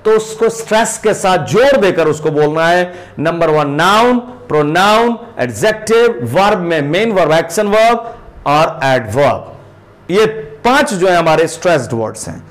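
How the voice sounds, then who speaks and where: A man teaching English grammar in Hindi, with an Indian English accent. He repeats example sentences slowly and puts heavy stress on key words. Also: high-pitched, very animated. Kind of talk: spoken grammar lesson.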